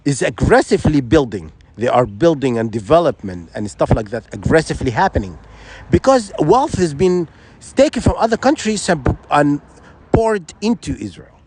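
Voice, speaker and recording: A man's voice: fairly high pitch, very animated, normal speed, darkish tone, husky. A man from Sudan, giving an insistent, rambling opinion monologue full of restarts and rhetorical questions. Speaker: vlogger.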